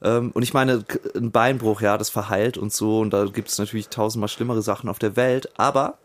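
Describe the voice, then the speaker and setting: A middle-aged man chatting casually as a podcast host, telling an anecdote with lively reenactments. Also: fairly low pitch, a little fast. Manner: animated storyteller, acts out scenes with raised voice. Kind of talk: casual chat.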